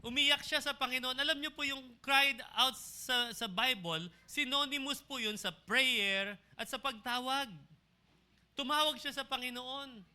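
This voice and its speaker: Bright high-voiced male pastor preaching. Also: measured pace, smooth. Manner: calls on the congregation for amens; mixes English phrases into his preaching. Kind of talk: sermon. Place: church service.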